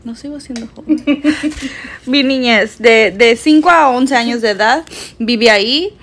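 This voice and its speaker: A woman's voice: a little high, unhurried, fairly bright tone. A woman in her twenties from Mexico, chatting casually as a podcast co-host, laughing often and switching between Spanish and English. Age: 20s. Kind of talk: casual chat.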